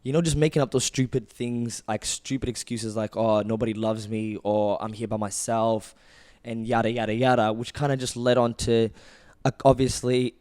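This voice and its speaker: Young guy from ethiopia, smooth clear voice, mid pitch, talking earnest about his past on a chill podcast. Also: flat delivery, moderate pace, darkish tone. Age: 20s. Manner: earnest, reflective storytelling. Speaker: clothing brand founder. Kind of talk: casual podcast chat.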